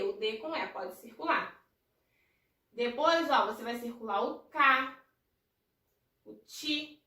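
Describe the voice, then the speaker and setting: A woman's voice: high voice, sharp tone, echoey room, distant mic. A Brazilian woman teaching first graders, patiently spelling out syllables in a recorded remote lesson. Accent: Brazilian Portuguese. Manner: slow, patient, spelling out syllables for small children.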